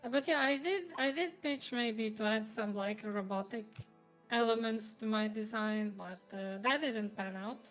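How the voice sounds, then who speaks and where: A woman hosts a gaming stream in casual, chatty fashion. Her voice sits fairly high and carries a slight robotic tinge from a voice changer. Faint music plays behind her. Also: moderate pace, a bit bright, poor audio. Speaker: streamer, host.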